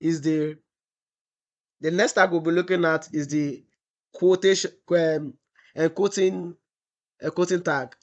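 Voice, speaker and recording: The audio is dull, and the man's high-ish voice is fairly even and unhurried, with long pauses. In a screen-recorded web development tutorial, he poses rhetorical "what?" questions to the class, answers them, and drawls out example text as he types.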